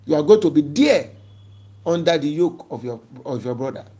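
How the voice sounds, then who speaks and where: A man's voice: fairly high pitch, animated, normal speed, dark tone, pitched below the performer's own voice, lightly acted. A preacher voicing an aged, grieved father. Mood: insistent. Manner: insistent, repeating each ruling.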